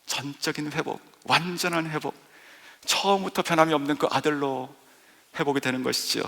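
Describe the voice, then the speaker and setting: A man's voice: a little high, steady tone, moderate pace, bright, forceful tone. A male pastor preaching a sermon with emphatic, dramatic delivery, acting out the voices in the story. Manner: emphatic preaching, acts out the father's voice. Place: church sanctuary. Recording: long reverb in a church hall.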